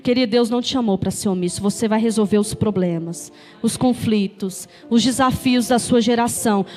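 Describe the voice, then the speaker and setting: A woman's voice: sits high, darkish tone. A Brazilian woman pastor preaching a sermon, telling a story vividly and calling the congregation to say amen. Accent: Brazilian Portuguese. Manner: storytelling, calls for amens from the congregation.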